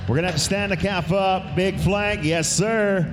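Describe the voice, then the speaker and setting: A man's voice: high-pitched, music in the background. Upbeat rodeo announcer man. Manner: quick, upbeat calls with easy laughter. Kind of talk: live rodeo commentary and banter.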